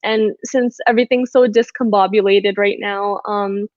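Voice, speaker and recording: A woman's voice: medium pitch, steady tone, moderate pace, a little mellow, no echo, lo-fi sound. A woman guest chatting casually on a video call, giggling often and filling her talk with ums, her voice still in its morning state. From born and raised in the West. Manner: giggly, chatty, many fillers. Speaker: musical guest.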